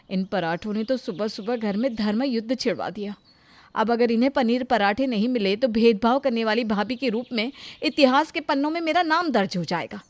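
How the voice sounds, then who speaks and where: A woman's voice: a little high, dry recording, lightly acted. A woman as a worried young housewife.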